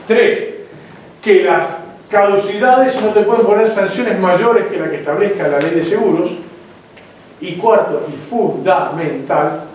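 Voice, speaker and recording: A man with an Argentine accent giving a lively lecture, asking questions and checking in with his listeners. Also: sits high, measured pace. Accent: Argentine Spanish. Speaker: lawyer giving a seminar lecture. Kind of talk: lecture with anecdotes. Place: lecture room. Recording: echoey room from far off, faint noise.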